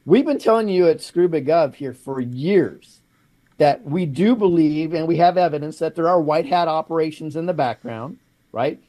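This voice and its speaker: A man's voice: a little high, moderate pace, mellow. A man hosting a political talk show, speaking straight to his audience with pointed rhetorical questions. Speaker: host.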